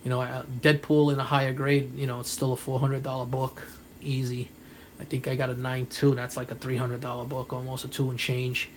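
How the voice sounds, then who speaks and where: A man's voice: medium pitch, completely flat delivery, a little fast, a little hiss or hum. A man with a New York accent chatting casually to his viewers about his comic book haul, rambling, repeating himself and thanking people by name. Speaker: comic book collector vlogger. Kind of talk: casual vlog chat to viewers.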